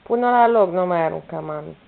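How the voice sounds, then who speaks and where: A woman's voice: on the low side, gravelly. A young woman at home filming her toddler, coaxing her with playful, repetitive baby talk. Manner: coaxing, repetitive prompts to a small child. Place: home, in a room with a bed. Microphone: camera's built-in mic. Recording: tinny lo-fi home camera audio with faint noise.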